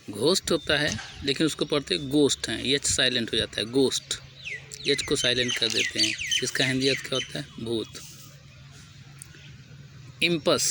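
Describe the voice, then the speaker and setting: A man with an Indian accent teaching English pronunciation, repeating each word slowly, spelling it out letter by letter, and asking and answering his own questions. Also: medium pitch, background noise. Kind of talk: spoken vocabulary lesson.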